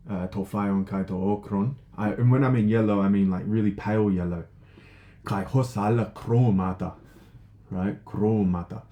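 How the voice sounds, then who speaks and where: A man with a low, mellow voice gives a relaxed spoken lesson. He thinks aloud, leans on fillers and keeps asking "right?" as he goes. When he reads a passage he slows down and sounds each word out with care. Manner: reads passages slowly and carefully. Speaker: teacher.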